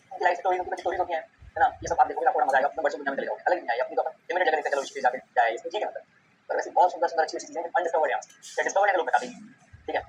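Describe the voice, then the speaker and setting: Fast-talking man lecturing on customs law. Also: fairly high pitch. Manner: rapid, chatty, keeps checking "ठीक है?". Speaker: teacher. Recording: slightly dull recording with faint background noise.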